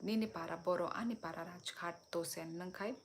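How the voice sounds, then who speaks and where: A woman's voice: on the low side, fairly even intonation, normal speed. A young woman from Tripura hosting a casual live stream, chatting with viewers and answering their comments.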